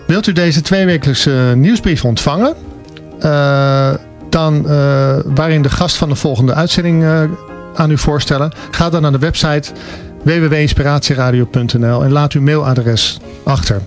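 Male radio host, easygoing, wraps up the show, fairly high voice. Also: moderate pace, faint music behind. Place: radio studio.

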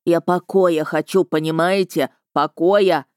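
A woman voicing a weary, misanthropic older male goblin with a grating voice and loud, exasperated delivery. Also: fairly low pitch, fairly even intonation, measured pace, dry recording, studio quality, natural voice. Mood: tearful.

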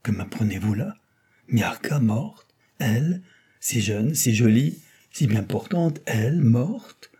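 A man reading the part of a cheerful young male aviator in an audiobook, animated and exclamatory, with a husky voice. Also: mid-range voice, slow, exaggerated voice. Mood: shocked.

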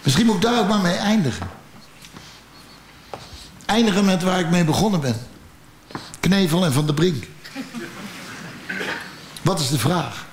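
Dutch-accented man, stand-up storytelling, blunt and profane, high voice, roomy echo, faint ambience. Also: background noise. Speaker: stand-up comedian.

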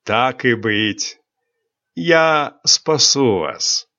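A man's voice: medium pitch, expressive, extremely slow, bright, forceful tone, exaggerated voice. A man voicing an old former minister and court intriguer, arrogant and grudgingly polite, in a slightly dull recording. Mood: haughty.

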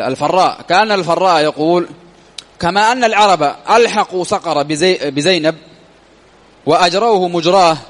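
A man teaching grammar in a classroom lesson, reading a text aloud and explaining it, often asking and answering his own questions. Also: high-pitched. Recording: long hall reverb.

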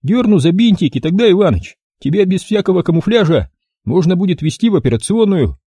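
A man voicing a brash, crude prankster sidekick who jokes loudly and mockingly in an audiobook. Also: high voice, sing-song, fairly quick, breathy edge, no echo, pitched above the performer's own voice, exaggerated voice. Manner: mocking, cheeky, loud.

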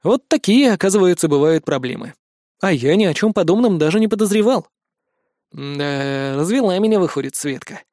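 A man reads a first-person audiobook in a wry, conversational way. His voice sits fairly high. The recording is close and dry, with no room sound. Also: darkish tone, no echo. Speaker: audiobook narrator.

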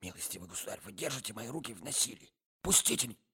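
A man voicing an anxious middle-aged gentleman who pleads in fussy, formal phrases. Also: on the low side, animated, racing, vocal fry, husky, pitched above the performer's own voice, heavily acted. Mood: pleading.

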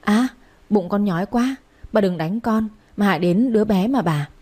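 A woman's voice: medium pitch, moderate pace, a little mellow, slightly rough, natural voice. A woman voicing a tearful, pleading young pregnant servant who whines and begs. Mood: whining. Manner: whiny and pleading. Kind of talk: storybook character voice.

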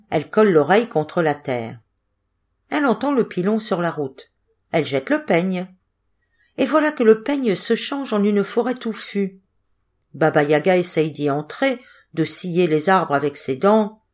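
A woman reading a folk tale aloud as an audiobook, with expressive, rising and falling narration. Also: fairly low pitch. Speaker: audiobook reader. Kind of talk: storybook narration.

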